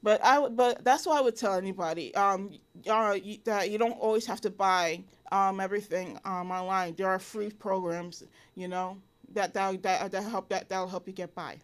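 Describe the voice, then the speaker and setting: A woman in her thirties from Connecticut, USA, an illustrator and cartoonist, speaks casually as an interview guest. Her mid-range voice moves at normal speed, full of fillers and restarts.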